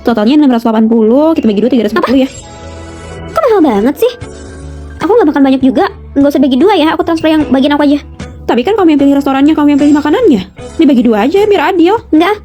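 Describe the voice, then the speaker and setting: Seorang perempuan mengisi suara untuk drama amatir berbasis gim animasi, berbicara cepat dan ramai. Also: female voice, high-pitched, dark tone. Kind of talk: amateur animated-game drama voicing.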